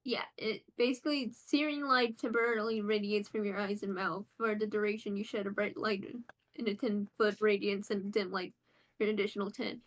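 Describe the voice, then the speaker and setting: A woman's voice: medium pitch, fairly even intonation, a little fast, low-quality recording. A woman playing a tabletop game, reading out abilities in a hesitant way with many restarts. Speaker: player. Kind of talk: tabletop role-play chat.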